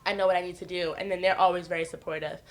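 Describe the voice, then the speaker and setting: A woman in her twenties from the northeastern United States speaks racingly in a lowish voice with little pitch movement. As a podcast guest in a candid, casual chat, she tells frank personal stories, laughing often and acting out what others said.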